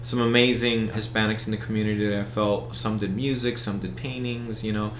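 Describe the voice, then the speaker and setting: Speaking a little fast in a lowish, level voice, an American event organizer rambles as an interview guest, restarting often, using fillers, and doubling back on what he says. The sound is reverberant with slight background noise.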